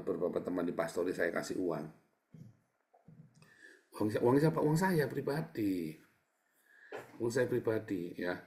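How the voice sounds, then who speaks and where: A middle-aged man, a pastor, giving a casual, chatty sermon, often turning to his listeners and swinging from quiet asides to loud, emphatic bursts. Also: low-pitched, creaky. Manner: keeps addressing listeners as brothers and sisters.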